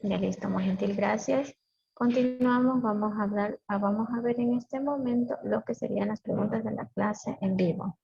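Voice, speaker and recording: A woman's voice: mid-range voice, normal speed, gravelly, dark tone, husky. A woman teacher leading a live class, addressing her students formally and politely. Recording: dull muffled sound with crowd noise.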